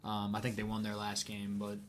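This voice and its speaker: A young man co-hosting a casual sports podcast, talking in a relaxed, rambling way with fillers. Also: on the low side, brisk, a little hiss or hum. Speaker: podcast co-host.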